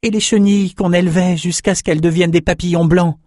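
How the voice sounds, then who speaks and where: A man voicing a gentle young male swordsman, earnest and pleading, in a storybook reading. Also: sits high, steady tone, quick pace, no room sound, clean studio sound, pitched above the performer's own voice, natural voice.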